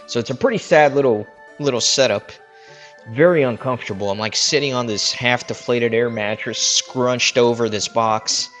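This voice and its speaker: At medium pitch and moderate pace, with a fairly bright tone, a man streams a game and chats casually, thinking things through aloud. Soft music plays behind him, and his cheap headset mic muffles him as though he's speaking into a cup.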